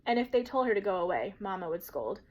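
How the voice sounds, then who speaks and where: A woman teacher reading a children's novel aloud in a steady, gentle storytelling manner. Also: medium pitch, fast, rough recording.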